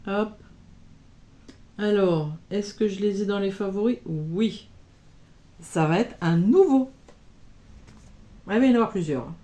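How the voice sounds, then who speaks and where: A woman vlogger talks through her embroidery projects in an easygoing show-and-tell chat. She speaks slowly, with a soft, mellow tone, and keeps tossing in small interjections as she goes. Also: medium pitch. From France. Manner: chatty, punctuated with little interjections.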